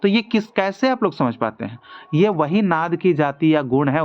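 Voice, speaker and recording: Over lo-fi sound, a man whose voice is on the high side leads an online music exam lesson, stepping through multiple-choice questions and raising rhetorical questions to himself as he explains.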